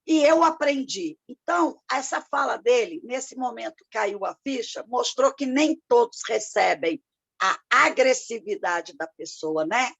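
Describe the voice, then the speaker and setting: A woman's voice: a little high, measured pace, vocal fry, husky. A middle-aged woman, a former math teacher, speaking expressively in a casual study group discussion. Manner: expressive, storytelling, talks about her loud teaching voice.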